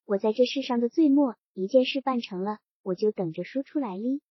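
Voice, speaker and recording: A woman reading the lines of a gentle, wry old male scholar in a mild, teasing tone. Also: on the high side, fairly quick, no room sound, lightly acted. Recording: dull, dry audiobook recording.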